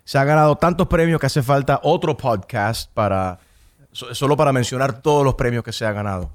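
A man's voice: mid-range voice, fairly quick. A middle-aged man hosting a podcast interview, teasing his guest and mixing in English phrases. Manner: playful, teasing, switches into English. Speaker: podcast host.

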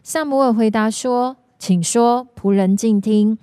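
Woman reading scripture slowly, smooth voice. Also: a little high, mellow, no echo, clean studio sound. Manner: slow, measured reading. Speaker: scripture reader.

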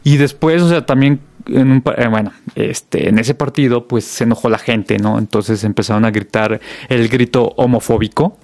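A man's voice: medium pitch, steady tone, normal speed, few pauses, darkish tone, no room sound. A Mexican man hosting a casual news roundup, chatty and full of fillers. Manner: chatty, many fillers and restarts. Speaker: host.

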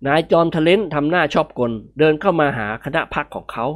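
A woman narrating a comic novel in an expressive storybook reading. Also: low-pitched, a little fast.

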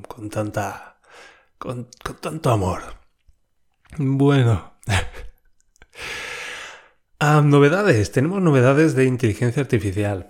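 A man's voice: on the low side, a little mellow. A man hosting a casual podcast monologue in a chatty way, laughing often and swearing freely. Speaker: podcast host.

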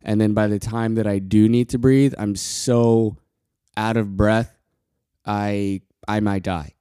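Quiet, halting man with a low, flat voice. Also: smooth, no room sound, clean studio sound. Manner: quiet, halting, pauses often for breath. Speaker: podcast host. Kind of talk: casual solo podcast talk.

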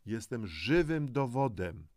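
A studio-quality recording without echo captures a man's medium-pitched, darkish, sing-song voice at a slow pace. He narrates a motivational self-help audio guide from a script, encouraging the listener and speaking to them directly.

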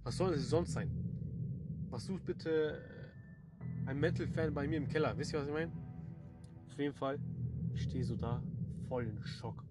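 A man's voice: on the high side, normal speed, long pauses. A young man telling a horror story to his listeners in slangy, casual speech, often turning to address them directly. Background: background music.

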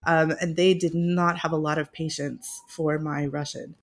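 A woman who teaches Russian literature, a native English speaker, chats as a guest in a conversational interview about her professorship. She is casual and self-deprecating, laughing now and then, and her deep voice stays flat at a normal speed.

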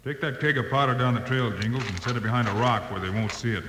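An actor playing a steady, commanding American cowboy lawman, calm, decisive and plain-spoken, in old western drama style. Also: mid-range voice, quick pace, long reverb tail, lightly acted. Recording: noisy vintage soundtrack with clicks.

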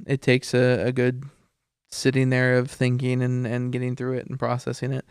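Clear-voiced man, casual podcast host. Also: mid-range voice, completely flat delivery, moderate pace, dry recording, clean studio sound. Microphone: close podcast microphone into a mixer.

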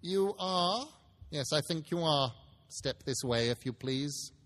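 A man voicing a hearty old reformed miser who swings between giddy glee and mock gruffness in a dramatic storybook reading. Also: a little high, expressive, slow, fairly bright tone. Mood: mock growling, stern.

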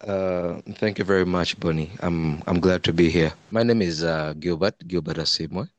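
Very deep-voiced Ugandan East African man. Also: fairly even intonation, moderate pace, no room sound. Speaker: interview guest, human rights lawyer. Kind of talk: conversational interview answers.

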